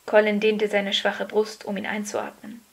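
Husky woman reading a story calmly. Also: mid-range voice, a little slow. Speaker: audiobook narrator. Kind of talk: scripted narration.

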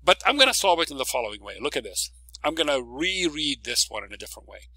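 A male physics professor records a video lecture with a bright, lively voice that climbs whenever he stresses a key word. He walks through the problem step by step and keeps asking "okay?" to check in. The sound is dry and close, with no room echo. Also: quick pace. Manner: explains step by step, asks "okay?" often; stresses key words with rising pitch.

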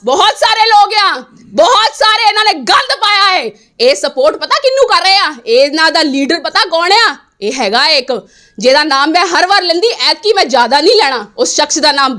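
Angry high-voiced woman. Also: sharp tone. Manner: angry, defiant, repeats herself. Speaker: interviewee. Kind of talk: heated interview.

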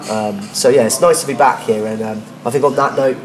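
A man's voice: mid-range voice, steady tone. Guy co-hosting, upbeat and chatty, agrees a lot, pub crowd behind. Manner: enthusiastic, chatty, quick to agree. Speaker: co-host. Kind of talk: casual pub chat. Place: pubs and streets in a busy city.

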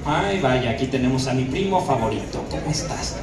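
A man's voice: medium pitch, lively intonation, fairly quick, pitched below the performer's own voice, lightly acted. A man voicing an arrogant, rude teenage boy with a curt, sneering manner. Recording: echoey hall, distant mic, crowd noise.

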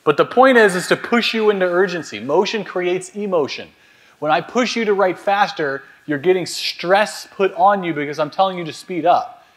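A man with a high-sitting voice and a moderate pace runs a live sales training before a room full of people. He loudly and urgently orders everyone to hurry up, tossing in crude jokes as he coaches the seminar.

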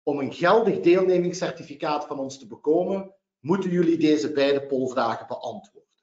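A man with a Belgian Dutch accent hosts a legal webinar, running through practical points and the agenda step by step in a formal tone. His voice sits a little high for a man. The audio sounds roomy and slightly dull. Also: normal speed, a little mellow. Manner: orderly, announcing points one by one. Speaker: webinar host and lawyer.

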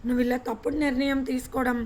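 A woman reading as a gruff scolding uncle. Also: sits high, little pitch movement, rapid-fire, a little mellow, close to an everyday voice. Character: rough uneducated middle-aged man, scolding.

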